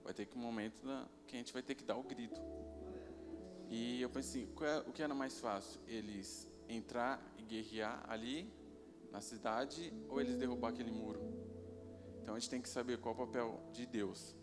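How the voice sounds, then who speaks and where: A man sharing a calm, reflective sermon, pausing and restarting as he thinks. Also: medium pitch, long reverb tail, music in the background. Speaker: lay preacher.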